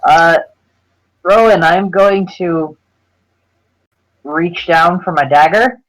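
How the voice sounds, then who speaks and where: Man, tabletop player, deliberate, slow pace, slightly high voice. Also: a bit bright, rough recording. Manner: deliberate, measured, explains actions step by step. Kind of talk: casual tabletop game play.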